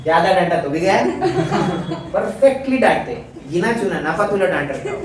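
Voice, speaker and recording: A man's voice: high-pitched, lively intonation, brisk, crowd noise. Joking male teacher in echoey classroom. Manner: chatty, joking, mixes Hindi and English. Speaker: physics teacher. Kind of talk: classroom lecture. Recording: echoey classroom, mic far off.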